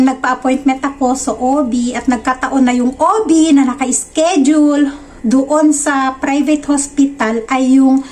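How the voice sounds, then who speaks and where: A pregnant woman vlogger in her thirties from the Philippines, telling her viewers a personal story in a chatty, animated way and acting out the conversations she had. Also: sits high. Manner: chatty, animated retelling with quoted dialogue. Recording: faint background noise.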